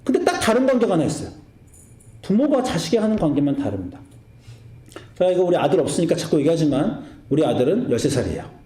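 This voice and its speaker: A man in his forties preaching a sermon as pastor, animated and acting out family quarrels in quoted voices. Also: a little high, fast talker, reverberant.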